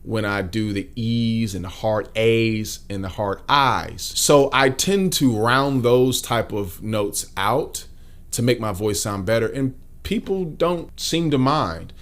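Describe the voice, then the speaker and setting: A man giving casual singing tips in a relaxed, explanatory way. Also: fairly low pitch, takes it slowly. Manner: relaxed, explanatory, demonstrates as he talks. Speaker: singer giving vocal tips. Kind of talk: casual vocal lesson.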